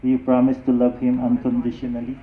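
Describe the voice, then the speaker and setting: A man officiating a wedding, putting formal vow questions in deliberate phrases. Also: medium pitch, monotone. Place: wedding ceremony, over a sound system. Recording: echoey, thin phone-like sound, faint noise.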